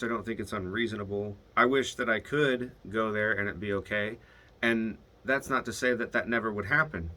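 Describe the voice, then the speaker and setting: Deep-voiced man venting in a video diary. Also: pushed and bright. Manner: hesitant, restarts often, swears when upset; retells phone calls, quoting both sides. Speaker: video diarist. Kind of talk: casual confessional monologue.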